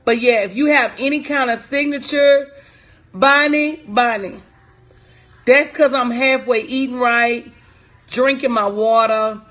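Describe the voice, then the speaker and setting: Answering comments on her live stream, a woman in her forties who coaches businesses talks in an emphatic, repetitive, casual and direct manner. Her fairly high, fairly bright voice moves a little slowly, and the recording is muffled.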